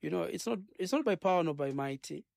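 A Zambian man with a fairly high voice speaks as a guest in a radio studio. He is earnest and preachy, rambling with plenty of "uh" and "um". The room is dry and close. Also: expressive, fast talker, vocal fry, a little mellow, no echo. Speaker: gospel singer and minister guest. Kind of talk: radio interview.

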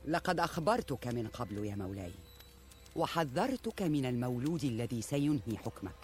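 Man acting an ominous royal seer, expressive delivery. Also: mid-range voice, a little fast, soft background music, natural voice. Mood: ominous, firm. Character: cryptic royal seer, calmly defiant before a king. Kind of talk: Arabic historical drama acting.

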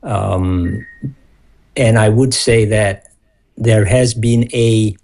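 A man who grew up in Singapore, speaking as an expert guest in a measured, analytical way. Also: fairly low pitch, creaky, darkish tone. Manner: measured, analytical, restarts on words. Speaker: guest expert on foreign policy. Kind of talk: broadcast interview.

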